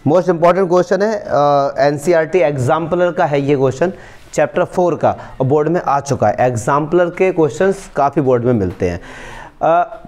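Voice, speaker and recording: A man's voice: a little high, moderate pace, darkish tone. A man teaching a maths lesson for board exams, explaining step by step and checking often that students follow. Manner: coaxing, checks understanding often.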